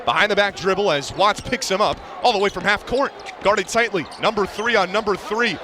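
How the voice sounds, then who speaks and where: Speaking fairly quickly in a high voice, a man gives running play-by-play of a basketball game. His delivery is clipped and vivid, keeping up with the action as it unfolds courtside in a big indoor arena, where a loud crowd and a bouncing ball sound in the background.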